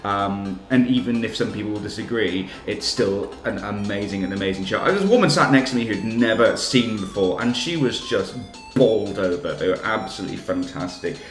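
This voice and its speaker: A theatre reviewer with a lowish, fairly quick voice gives enthusiastic, self-deprecating reviews of shows in a chatty video. The room is reverberant, with faint music playing in the background.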